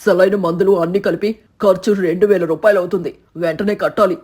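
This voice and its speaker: A woman voicing a stern, helpful eagle in a cartoon story, firm and lecturing, with a husky voice pitched lower than her own. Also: steady tone, brisk, a little mellow. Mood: urgent.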